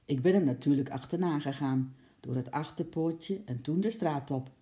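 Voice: medium pitch, moderate pace, warm tone, natural voice. A reader doing a flustered, stammering zookeeper. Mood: gloomy. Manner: stammering and out of breath, later gloomy. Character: flustered stout male zookeeper. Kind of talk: storybook reading.

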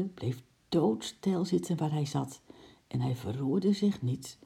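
A woman reading a children's story aloud in a lively, expressive narration. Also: low-pitched, vocal fry.

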